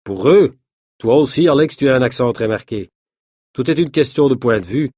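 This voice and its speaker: A man voicing a calm, helpful male friend who works as an investigator, reassuring and steady, in a read-aloud story. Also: mid-range voice, moderate pace, no echo, clean studio sound, close to an everyday voice.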